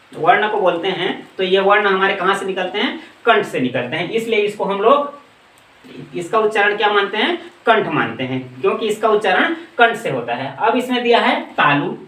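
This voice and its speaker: A man teaching a grammar lesson, asking questions and answering them himself, and reciting letters slowly one by one. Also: high-pitched, fairly bright tone, recorded from a distance. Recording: echoey room, voice off-mic.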